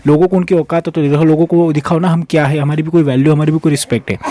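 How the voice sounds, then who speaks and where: A man's voice: a little high, steady tone, racing, dark tone, no room sound. A man with an Indian accent giving emphatic, repetitive relationship advice as a coach. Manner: emphatic, repetitive, acts out pleading quotes. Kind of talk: motivational advice monologue.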